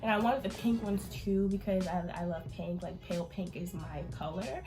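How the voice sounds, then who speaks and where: An eighteen-year-old woman vlogger chats casually to camera through a Q&A, informal and full of fillers. Allergies make her voice nasal and congested; it's lowish and moderately paced, heard over music.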